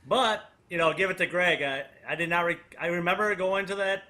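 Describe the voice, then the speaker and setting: Man co-host, casual chat, easygoing, laughs a lot, bright forceful tone. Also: high-pitched, a little fast.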